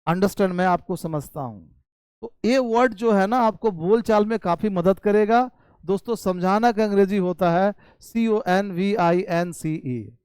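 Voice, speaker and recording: A man teaching spoken English in Hindi with an Indian English accent, reading English sentences slowly and explaining them quickly. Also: high voice, clear, resonant tone, no room sound. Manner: addresses viewers warmly as "bhai" and "babu".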